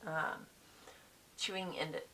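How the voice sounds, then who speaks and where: A woman's voice: sits low, fairly even intonation, slow, pushed and bright, low-quality recording. A young woman talking casually to camera, giving frank advice on competing, with many ums. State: chewing a cough drop. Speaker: bikini fitness competitor.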